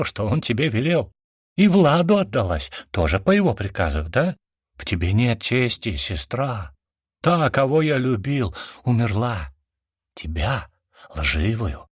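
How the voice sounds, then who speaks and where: A man's voice: fairly low pitch, slightly rough, no echo, clean studio sound, heavily acted. A man voicing a drunk, furious young man who hurls bitter, sneering accusations at his sister in a storybook reading.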